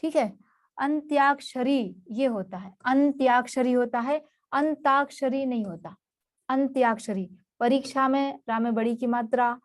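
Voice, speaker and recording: A woman teaches a spelling lesson for exam students with a fairly high voice. She works through one word at a time. She says each term again so the class can follow. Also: moderate pace. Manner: patient, explains word by word and repeats each term.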